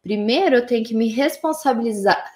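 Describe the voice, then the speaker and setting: A woman, a mother, calmly explaining her views on raising children in casual conversation. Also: a little high, a little fast, echoey room. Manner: calm, explanatory, frequent "né?".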